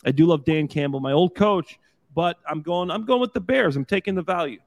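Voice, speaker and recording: A former pro football player, now an analyst, talking football in a casual sports-talk style. His voice sits a little high, and his delivery is upbeat, joking and energetic. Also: a little fast, gravelly.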